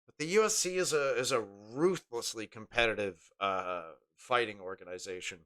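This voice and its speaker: A man's voice: mid-range voice, moderate pace, a bit bright. A man streaming live, chatting casually while calling the game in rambling, play-by-play asides. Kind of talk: casual live gameplay commentary.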